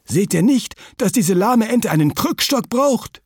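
A brash blind hen from a storybook, put on by a male narrator in a high, swooping voice. She talks loudly and indignantly and cannot be stopped. The sound is slightly husky and dry. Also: lively intonation, unhurried, no echo, heavily acted. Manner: loud, indignant, unstoppable. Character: blunt, pushy blind female hen.

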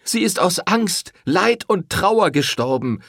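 A man reading an audiobook, voicing a furious, defiant young woman who shouts her accusations. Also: sits high, sing-song, slow pace, vocal fry, dry recording, studio quality, voice pushed up, heavily acted. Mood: accusing. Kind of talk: audiobook character voice.

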